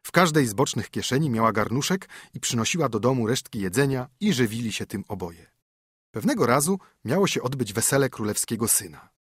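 Husky man narrating a fairy tale. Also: medium pitch, big pitch swings, no room sound, studio quality. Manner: measured, storytelling. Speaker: audiobook narrator.

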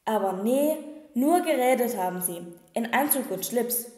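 A woman's voice: fairly high pitch, animated, a little slow, darkish tone. A woman voicing a cheeky little male gargoyle demon in an audiobook, talking in a mocking, gossipy way. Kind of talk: audiobook reading. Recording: echoey room with long reverb.

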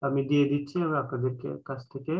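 A man with a Bangladeshi Bengali accent, teaching an online class in a patient way, repeating each point slowly with many filler sounds. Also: medium pitch, flat delivery, a little mellow, rough recording. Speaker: Quran reading teacher. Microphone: online call.

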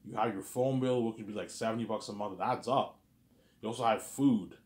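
In a reverberant space, a thirty-something vlogger speaks to his viewers in a loose monologue full of repetition and verbal stumbles. His voice is lowish and darkish in tone, moving a little fast.

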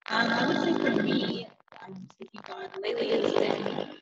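Woman, distorted deep voice-changer sound, gravelly, heavy static on a muffled far-off line. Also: wildly swooping pitch, moderate pace. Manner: hesitant, with many fillers. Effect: garbled, distorted deep voice like a bad voice changer. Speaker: Bible study group member. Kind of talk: online group call. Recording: muffled, distant call with loud static.

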